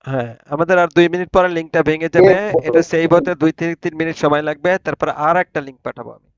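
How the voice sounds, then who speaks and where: Man, pronunciation teacher, slow syllable drills, slightly high voice, dry dull call audio. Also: steady tone, clean tone, no echo. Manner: drills sounds slowly syllable by syllable, asks students to repeat. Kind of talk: online spoken English class. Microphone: online video call.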